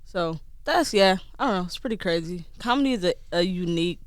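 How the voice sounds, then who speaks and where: A woman's voice: on the low side, fairly quick, no echo. A woman with a slight lisp in casual podcast chat, swearing and acting out quoted people. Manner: animated, swearing, acts out quotes. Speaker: podcast co-host.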